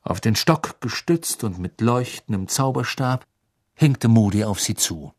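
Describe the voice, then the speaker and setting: A man narrating an audiobook in steady, even storytelling. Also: lowish voice, a little slow, slightly rough. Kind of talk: scripted narration.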